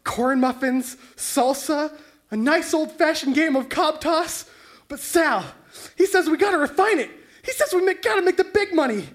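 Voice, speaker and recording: A woman's voice: high-pitched, expressive, moderate pace. A woman acting a nervous suspect rambling through a confession in a comedy radio play.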